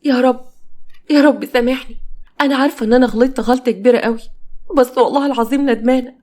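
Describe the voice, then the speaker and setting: A woman's voice: high voice, fairly even intonation, racing, darkish tone, voice pushed up, close to an everyday voice. A woman with an Egyptian accent voicing a young, remorseful bride who prays tearfully. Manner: tearful praying.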